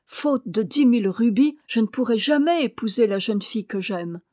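A woman's voice: a little high, animated, moderate pace, warm tone, no room sound, close to an everyday voice. Earnest, pleading young man, voiced by a woman narrator; storybook reading, dry sound. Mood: dismayed. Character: lovesick young man, weak but hopeful.

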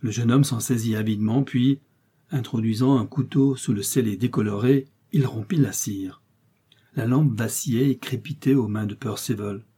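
A man reading a story aloud in a measured, suspenseful narration. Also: mid-range voice, fairly even intonation, mellow, husky. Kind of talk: scripted audiobook narration.

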